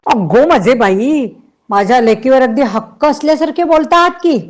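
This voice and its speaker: A woman voicing a blunt, outspoken older aunt who teases and scolds loudly, in a read-aloud novel. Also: fairly high pitch, expressive, measured pace, voice pushed up. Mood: teasing, scolding. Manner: loud, scolding, exclaiming.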